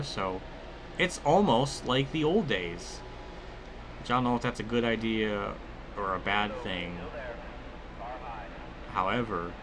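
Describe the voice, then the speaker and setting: Over a racing video game, a male gaming video host rambles casually in a mid-range voice, often interrupting himself with exclamations. The background is noisy.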